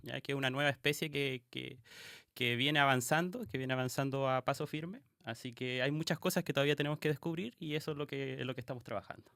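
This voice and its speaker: A young man from Chile, a graduate student talking in a relaxed way. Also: medium pitch, quick pace, dry recording, clean studio sound. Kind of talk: conversational interview.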